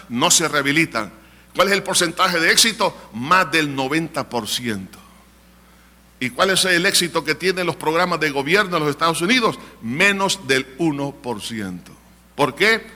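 A male pastor preaches with a very bright, ringing voice, pitched a little high for a man. He tells stories and exhorts his listeners. The sound has a long reverb, like a large hall. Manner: storytelling, quotes people in raised voices, exhorting. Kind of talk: sermon with testimony.

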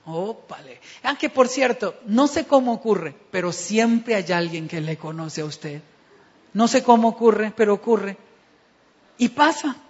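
Male preacher, dramatic sermon delivery, raspy and high, recorded dull in a big reverberant church. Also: animated, a little slow. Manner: dramatic, acts out dialogues, builds to loud emphatic passages. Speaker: pastor.

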